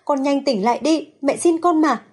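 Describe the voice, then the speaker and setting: A heartbroken middle-aged mother pleads through tears, her voice climbing high with desperation, as a woman narrator acts her out. The tone is dark and mellow, and heavily breathy. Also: moderate pace. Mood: desperate sobbing.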